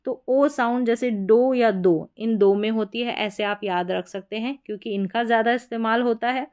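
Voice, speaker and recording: A young woman teaching English pronunciation, spelling out letters slowly and repeating each word several times. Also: fairly high pitch, a little mellow, clean tone. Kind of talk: explanatory lesson.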